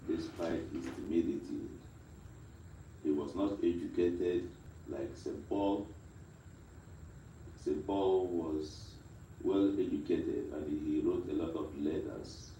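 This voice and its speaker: A man leading mass as a priest, chanting and reading the gospel with a slow, solemn delivery, heard with a cathedral echo from a distant mic. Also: extremely low pitch, dark tone, slight background noise. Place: large reverberant church.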